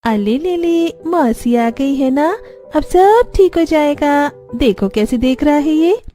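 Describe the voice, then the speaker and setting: A gentle cartoon village mother, voiced by a woman, soft and tender, cooing with a lively, rising voice. Faint music plays behind her. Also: fairly high pitch, moderate pace, close to an everyday voice.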